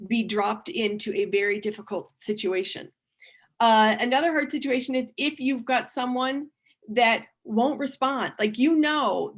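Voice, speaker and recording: A woman giving a workshop presentation, earnest and thinking aloud, with frequent restarts and repeated words. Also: on the high side. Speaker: conference speaker.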